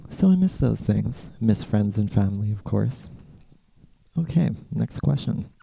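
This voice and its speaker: A laid-back American man answers listener questions on his podcast. His voice is low and gravelly, with a dark, mellow tone. The sound is close and dry. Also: dry recording. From California, USA. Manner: laid-back, rambling, with many "like" fillers. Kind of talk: casual Q&A chat.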